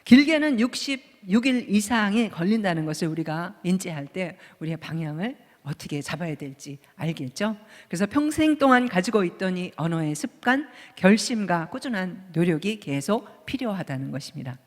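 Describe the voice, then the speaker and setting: A woman's voice: on the low side, lively intonation, normal speed, hardly any pauses. A Korean woman pastor in her fifties giving a conversational sermon, asking the congregation rhetorical questions. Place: church sanctuary. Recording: long church hall reverb.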